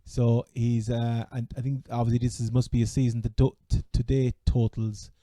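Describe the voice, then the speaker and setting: A man with a Cork Irish accent chatting casually as a sports podcast host, halting and repeating words as he goes. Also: mid-range voice, little pitch movement, warm tone, no echo, studio quality. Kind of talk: casual fantasy American football chat.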